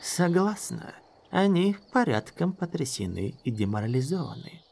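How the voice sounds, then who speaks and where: Cool, enigmatic sorceress, calm and unhurried, voiced by a male narrator. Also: a little high, creaky, voice pushed up, heavily acted.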